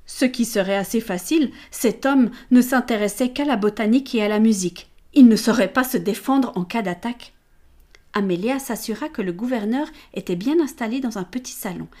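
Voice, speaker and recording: A woman reading a period novel aloud as an audiobook narrator, with an even, measured delivery. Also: on the high side. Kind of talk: scripted narration.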